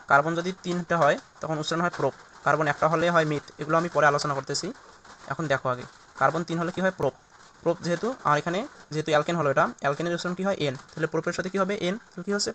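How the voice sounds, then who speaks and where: A man's voice: a little high, fairly bright tone, a little hiss or hum. A man teaching a recorded chemistry lesson, walking through each step and asking and answering his own questions.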